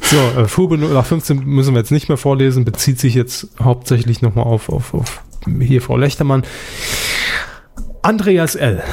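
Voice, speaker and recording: Man, podcast co-host, gravelly voice, casual joking banter, reads listener comments. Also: medium pitch, a little mellow, slight background noise. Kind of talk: casual chat.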